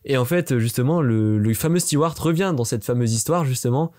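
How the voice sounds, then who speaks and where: A man's voice: mid-range voice, a little mellow. A young man from France telling a fan-meeting story in a casual, chatty way, with lots of fillers. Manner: rapid chatty with many fillers. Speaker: vlogger.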